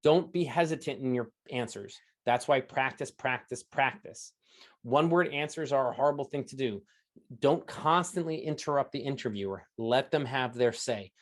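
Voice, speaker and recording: A man giving an energetic online coaching talk, standing as he speaks and often checking in with "right?" and "okay?". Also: medium pitch, moderate pace. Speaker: interview coach presenting a talk. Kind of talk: lively coaching talk to an audience. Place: indoors at home, standing while presenting.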